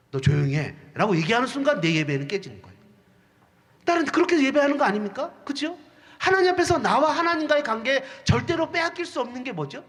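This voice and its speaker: A man's voice: extremely high pitch, a bit bright. A male pastor delivering a sermon, often putting questions to the congregation and acting out the voices of the people he quotes.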